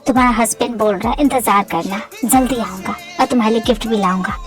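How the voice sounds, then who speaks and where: Fan-dub casting: woman playing a smug billionaire husband, still a high voice for a man, music under it. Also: quick pace, close to an everyday voice. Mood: low, flirtatious. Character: bossy, flirtatious billionaire husband, adult man. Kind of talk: amateur Hindi fan dub acting. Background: background music.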